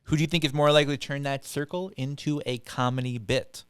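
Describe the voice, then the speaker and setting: A young man hosting a casual podcast chat, animated and quick, slipping into playful quoted voices. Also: mid-range voice, clean tone, no room sound, studio quality. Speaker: podcast host.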